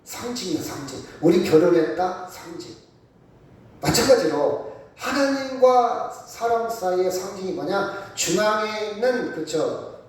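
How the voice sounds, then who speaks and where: A male pastor delivers a sermon in a high, animated voice. He keeps quizzing his listeners and hammers single words again and again. The sound is roomy and distant, booming around a church sanctuary. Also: unhurried. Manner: rhetorical questions to the congregation, repeats key words. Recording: echoey church hall from far off.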